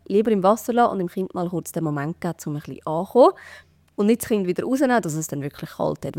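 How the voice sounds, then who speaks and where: A woman with a Swiss German accent talks quickly and practically, walking through each step with frequent fillers. Her voice sits at a middling pitch. The sound is dry and close, with no room around it. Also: dark tone, no echo. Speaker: baby care expert guest. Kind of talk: conversational podcast explanation.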